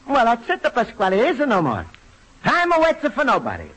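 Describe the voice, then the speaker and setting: A man's voice: extremely high pitch, huge pitch swings, normal speed, a bit bright, exaggerated voice. An actor playing a naive, self-important Italian immigrant would-be businessman, earnest and boastful with an Italian accent, in an old radio sitcom. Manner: earnest, boastful, mangles American slang. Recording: old radio recording with faint noise.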